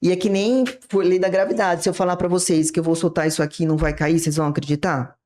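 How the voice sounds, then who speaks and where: A woman's voice: lowish voice, flat delivery, fast talker, darkish tone. Brazilian woman explaining like a teacher. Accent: Brazilian Portuguese. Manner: didactic, acts out little dialogues from examples. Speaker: psychiatrist guest. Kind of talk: explanatory interview talk.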